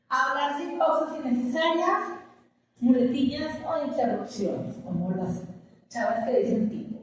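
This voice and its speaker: Woman teacher lecturing her class patiently; high pitch, far off in a long-reverb classroom with faint room noise. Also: a little mellow. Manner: explains patiently with everyday examples and questions to students. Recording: echoey classroom from a distant mic with faint ambience.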